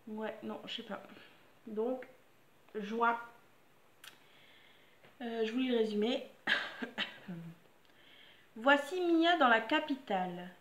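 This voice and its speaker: Woman chatting about books, jokey and blunt, kinda high voice. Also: a bit bright, roomy sound. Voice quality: chatty, frank and joking, reads blurbs then comments. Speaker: book vlogger. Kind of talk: casual book review chat.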